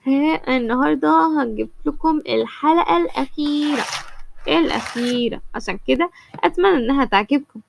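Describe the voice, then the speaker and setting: A woman's voice: high voice, vocal fry, no echo. A woman with an Egyptian accent narrating a comic story and chatting directly to her viewers. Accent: Egyptian Arabic. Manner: lively, addressing viewers directly.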